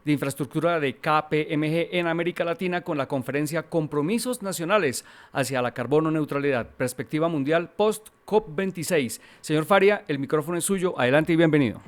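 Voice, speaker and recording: Higher-voiced man, formal event moderator. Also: fairly quick, hardly any pauses. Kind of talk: formal speaker introduction.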